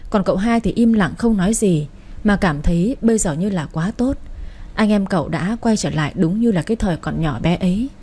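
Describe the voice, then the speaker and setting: Mellow-voiced woman storyteller. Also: medium pitch, a little fast, husky. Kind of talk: scripted story narration.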